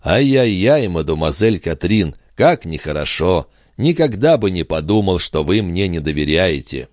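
A man's voice: low voice, sing-song, normal speed, darkish tone, no room sound, clean studio sound. A man doing a flustered young farmhand. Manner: flustered, eager to please. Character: awkward earnest big-handed young farmhand.

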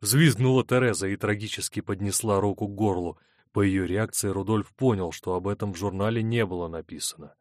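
A man narrating an audiobook in a steady, measured reading. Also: lowish voice, dry recording, clean studio sound. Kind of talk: scripted narration.

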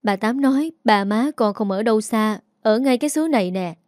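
A woman's voice: a little high, normal speed, darkish tone, no echo, natural voice. A woman with a Southern Vietnamese accent voicing a young adult orphan son, earnest and pleading. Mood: tearful pleading. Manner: earnest, pleading, close to tears.

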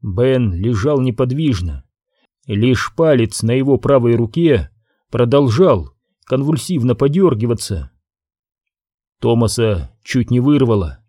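A man narrates a scripted audiobook in a measured, expressive storytelling style. His medium-pitched voice is captured in clean studio sound with no room sound.

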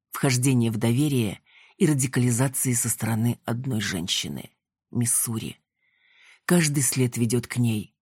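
Husky-voiced man narrating an audiobook. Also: medium pitch, darkish tone, no echo, clean studio sound. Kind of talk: scripted first-person audiobook narration.

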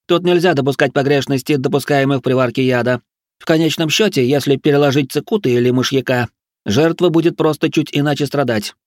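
Man doing shrill manic aristocrat, pompous, yelling orders, high pitch, loud. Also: no room sound, studio quality, natural voice. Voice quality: shrill, squealing. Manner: barking orders, pompous, ranting. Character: shrill manic aristocratic male drill-sergeant cook. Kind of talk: audiobook character voice.

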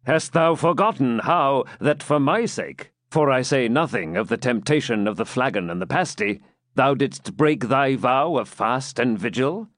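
A man voicing an armored knight who answers threats with calm, mocking courtesy. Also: medium pitch, a little slow, no room sound. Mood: teasing. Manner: composed, mildly mocking.

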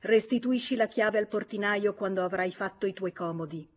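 Woman reading as a callous young man, curt and scornful, loud and husky, audiobook. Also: medium pitch, normal speed, lightly acted. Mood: cold, contemptuous. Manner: curt, contemptuous.

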